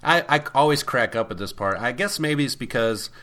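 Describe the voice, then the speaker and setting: A man co-hosting a casual movie podcast, animated and swearing freely, often laughing. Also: medium pitch, moderate pace. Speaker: podcast co-host. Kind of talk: casual chat.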